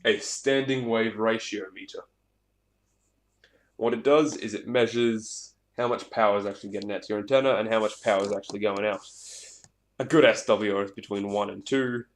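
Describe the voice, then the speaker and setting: In a lowish, steady voice at a moderate pace, a hobbyist presenter demonstrates gear hands-on, rambling casually and improvising with some swearing. Echo, clicks, and clear background noise fill the recording.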